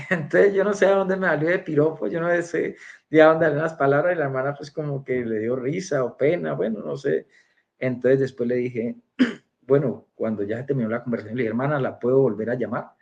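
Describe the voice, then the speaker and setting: A man's voice: a little high, brisk, gravelly, a little mellow, muffled recording. A man giving a spoken personal testimony as a church member, telling his story and acting out the dialogue.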